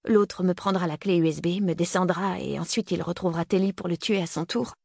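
A woman narrating a novel in the first person, tense and hushed in narration and livelier in dialogue. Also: on the low side, steady tone, a little fast, creaky, slightly rough, no room sound, studio quality. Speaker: audiobook narrator.

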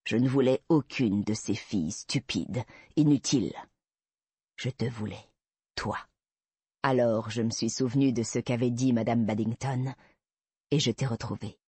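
Guy reading as a creepy obsessed dude confessing, husky, quiet, dry close mic. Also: medium pitch, a little slow, long pauses, no echo. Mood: creepy tender. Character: obsessive creepy adult man confessing to kidnapping. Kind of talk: audiobook reading.

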